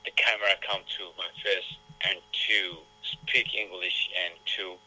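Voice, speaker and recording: A man with an Ethiopian accent, a boxing coach whose first language is Amharic, speaking haltingly in an interview. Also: low voice, level tone, bright, forceful tone, poor audio. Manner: halting, repetitive phrasing in a second language. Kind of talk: casual interview talk.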